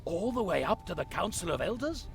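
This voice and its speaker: A man's voice: high-pitched, big pitch swings, fairly quick, creaky, a little hiss or hum, exaggerated voice. A man voicing a timid, easily indignant cartoonish little game character with a whiny, anxious manner. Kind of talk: video game character dialogue.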